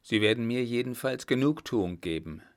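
A man's voice: medium pitch, expressive, moderate pace, close to an everyday voice. A man reading aloud, voicing a proud, hot-tempered young nobleman who talks indignantly and demands satisfaction.

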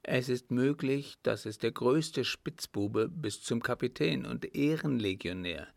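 A man's voice: mid-range voice, measured pace, creaky, no room sound. A man doing a cool, mocking ex-soldier servant. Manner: calm, composed, faintly mocking. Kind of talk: audiobook character reading.

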